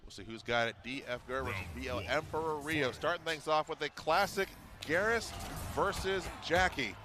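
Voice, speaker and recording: A man doing energetic play-by-play commentary for a fighting game match. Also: on the high side, moderate pace. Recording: commentary over loud game music.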